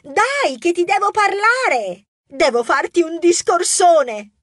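Woman voicing a very high-pitched mouse lady, shrill, pushy, dry close sound. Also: expressive, slow, fairly bright tone, no echo, full character voice. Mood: insistent. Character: bossy loud female mouse detective neighbor. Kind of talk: audiobook character voice.

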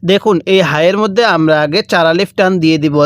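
High-voiced male Quran teacher, slow recitation. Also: no echo. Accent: Bangladeshi Bengali. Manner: drawn-out slow recitation, repeated for students. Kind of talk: slow step-by-step recitation lesson.

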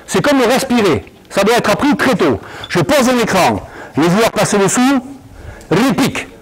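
A man coaching a basketball drill in an indoor gym, calling out commands and explaining moves in an animated, commanding way. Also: sits high, unhurried, breathy edge, low-quality recording. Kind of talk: on-court coaching demonstration.

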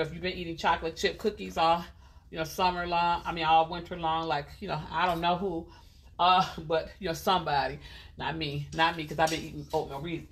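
A woman hosting a casual live clothing sale from a boutique, chatty and repeating item numbers and prices. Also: on the low side. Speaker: host selling clothes on a live stream.

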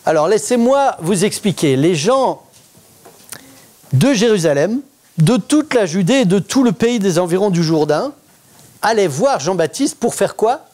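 A middle-aged man with a fairly high voice preaches a sermon in church. He keeps it conversational and lively and often stops to question the congregation. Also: a little slow. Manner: interactive, asks the congregation questions. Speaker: pastor.

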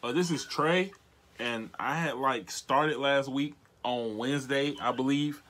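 An American man in his twenties doing a casual prank vlog, talking in a slangy, halting way to a phone and camera in a bedroom. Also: mid-range voice, fairly bright tone, slight background noise. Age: 20s. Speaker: prank caller and video host. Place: small bedroom, indoors. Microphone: device mic at arm's length.

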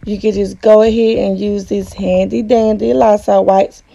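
A woman's voice: medium pitch, little pitch movement, moderate pace, vocal fry, warm tone, muffled recording. A young woman chatting casually to her viewers in a small apartment, calling them y'all, with the sound of a camera set some distance away. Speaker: cleaning vlogger.

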